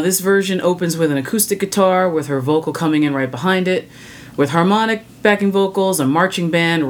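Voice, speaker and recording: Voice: mid-range voice, a little hiss or hum. A music podcast host with a mid-range voice delivers prepared commentary. The manner is opinionated and wry, breaking into blunt, casual asides.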